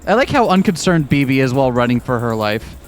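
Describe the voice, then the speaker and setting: Animated man chatting over a game. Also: medium pitch, fast talker, soft background music. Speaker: co-host of a game playthrough. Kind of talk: casual gaming commentary.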